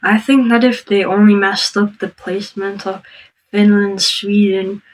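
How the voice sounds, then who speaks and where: Woman host reacting to a clip, flat and hesitant with many ums, slow careful explaining, mic set back a little. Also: medium pitch, distant mic, slight background noise, poor audio. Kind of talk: commenting on a played clip.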